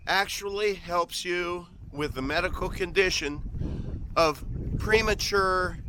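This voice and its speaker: Against a noisy background, a Midwestern man in his fifties walks outside and jokes through a rambling vlog monologue, often trailing off and restarting. His voice sits high.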